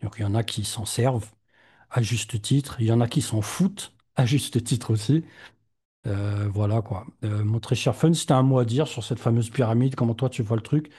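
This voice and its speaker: Mellow, husky-voiced male podcast host. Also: mid-range voice, normal speed. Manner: relaxed, hesitant with many fillers. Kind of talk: casual chat.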